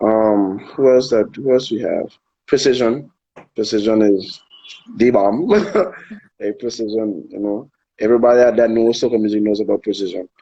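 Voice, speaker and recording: A man from Anguilla, a soca artist chatting casually in an interview, relaxed and hesitant, often repeating words while he thinks. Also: on the low side, normal speed, breathy edge, lo-fi sound. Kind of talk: casual interview over a live video call. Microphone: phone on a live video stream.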